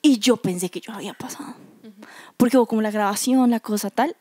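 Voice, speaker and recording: A young woman talks in a relaxed, storytelling way and acts out what people said. Her voice sits fairly high. The sound is dry and close. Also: fast talker, no echo. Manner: chatty storyteller, acts out quoted lines. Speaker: youth church band member. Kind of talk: casual chat.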